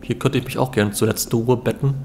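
Young man, let's player, medium pitch, casual musing gameplay commentary with faint background noise. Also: steady tone, brisk, darkish tone. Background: game ambience.

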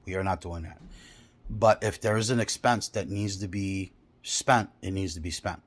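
A man's voice: deep voice, steady tone, normal speed. A man who installs car audio, explaining wiring and telling a customer story in a blunt, profane, casual way.

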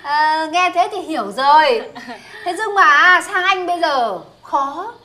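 A woman playing an official's wife who answers favor-seekers slowly, with drawn-out laughing replies. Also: high voice, animated, sharp tone, full character voice. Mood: smug.

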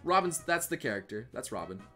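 Bright, lively young-sounding male streamer. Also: mid-range voice, brisk, soft background music. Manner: rambling, repeats himself, swears often. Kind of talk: live stream meme reaction commentary.

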